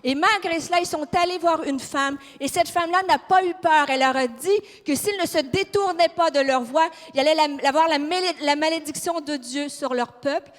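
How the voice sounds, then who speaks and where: A woman with a Québécois accent preaches with fire and emphasis, often putting questions to the congregation. Her voice sits high, and the sound rings with the long reverb of a large church hall. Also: moderate pace, few pauses. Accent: Québécois French. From Quebec. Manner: fiery, emphatic, questions the audience. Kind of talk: sermon.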